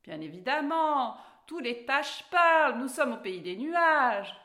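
A woman's voice: high-pitched, sing-song, measured pace, bright, forceful tone, roomy sound, voice pushed up, full character voice. A woman voicing a proud, bossy talking cat in a storybook reading, scolding and haughty.

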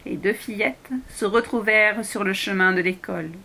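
A woman reading a children's story aloud as narrator, slow and clear. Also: mid-range voice, pushed and bright.

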